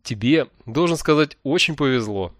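A man's voice: medium pitch, expressive, fairly quick, no room sound, studio quality, close to an everyday voice. A man reading an audiobook who voices a cheerful, smug male sorcerer mentor, talking in a breezy, jovial way. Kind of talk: audiobook character voice.

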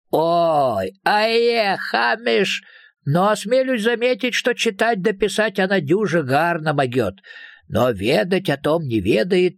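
Guy doing squeaky lil fairy rascals, rough rustic talk, husky, dry close sound. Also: no echo, full character voice. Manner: broad rustic dialect, squeaky chatter. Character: tiny rough-spoken male fairy folk, cheeky. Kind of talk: audiobook character voice.

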